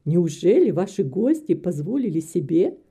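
An unsociable young gentleman, as a woman reader puts him on in a storybook. The voice drops below the narration, dry and reserved, with a dark, mellow tone. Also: lowish voice, animated, moderate pace, pitched below the performer's own voice.

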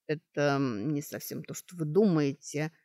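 A woman reading a story, voicing a cornered young male elf who speaks quietly and hesitantly, almost whispering. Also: low voice, sing-song, normal speed, no echo, clean studio sound, exaggerated voice. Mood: subdued.

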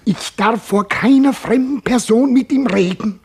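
A male actor gives a full character voice, very high-pitched and husky, to a simple, good-hearted jailer in a German radio play. At a measured pace he sounds wary and fussy, coaxing in colloquial speech that moves from hushed murmurs to exclamations.

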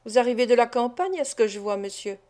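A woman reader puts on a scheming old fence, sly and wheedling, his voice kept hushed and oily in a storybook reading. It sits a touch high, delivered as steady, clean narration. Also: fast talker, close to an everyday voice.

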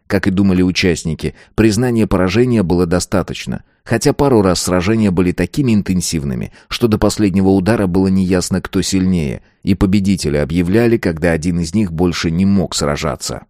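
A man narrating an audiobook with steady, even storytelling. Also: low voice, fairly quick, hardly any pauses, no room sound, clean studio sound.

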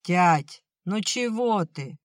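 The audiobook narrator voicing a gentle young peasant son, speaking softly and coaxingly to his drunk father. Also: mid-range voice, expressive, extremely slow, no room sound, studio quality.

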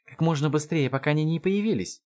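A man voicing a furious male elf father who yells in a high, frantic voice. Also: quick pace, close to an everyday voice. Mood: exasperated. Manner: shouting, frantic, high-pitched.

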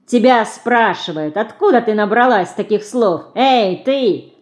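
A woman's voice: on the high side, lively intonation, a little slow, pitched above the performer's own voice. A woman reader voicing a spoiled rich boy who jeers and taunts. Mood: mocking. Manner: jeering, taunting.

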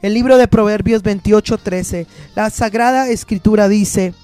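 High-voiced man preaching a sermon. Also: normal speed, a little mellow, faint music behind. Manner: preaching with repetition and emphatic rhythm; quotes scripture, acts out congregants' pleas. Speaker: pastor.

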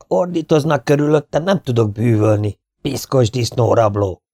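A fat, rude scorpion charmer who scolds and brags in an unhurried, low voice, as a male audiobook reader puts him on. He sounds sly and self-satisfied. The recording is close and dry. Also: darkish tone, no echo, close to an everyday voice. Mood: gruff. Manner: blunt, scolding, slow and cocky. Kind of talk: audiobook character voice.

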